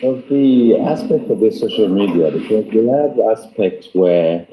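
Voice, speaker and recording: A man hosts a discussion with a very deep, very dark voice, encouraging his guest and guiding the talk with questions. The sound is roomy and echoey, with a faint hiss behind it. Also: lively intonation, measured pace. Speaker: host. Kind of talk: casual discussion.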